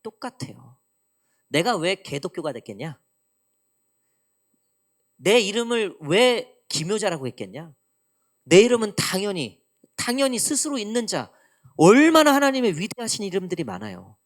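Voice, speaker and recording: A woman pastor preaching a midweek church sermon in an animated way, acting out quoted lines. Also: mid-range voice, moderate pace, long pauses. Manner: animated preaching, acts out God's teasing lines. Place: church sanctuary.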